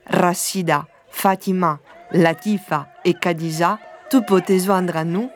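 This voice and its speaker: A woman from southern Italy giving calm, measured scripted documentary narration. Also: on the low side, a little hiss or hum.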